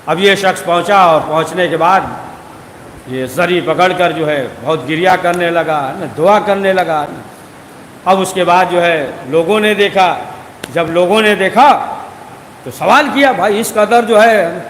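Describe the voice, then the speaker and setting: A man with a high voice preaches at a religious gathering, spinning a story and leaning on habitual filler phrases and tags. His voice rings through a big reverberant hall, with a faint murmur of noise beneath. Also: a bit bright. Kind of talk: Urdu sermon storytelling.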